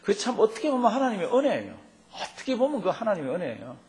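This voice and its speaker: A male pastor preaching a sermon, telling stories with lively acted-out dialogue. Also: sits high, fast talker. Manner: lively storytelling, acts out dialogue in quotes.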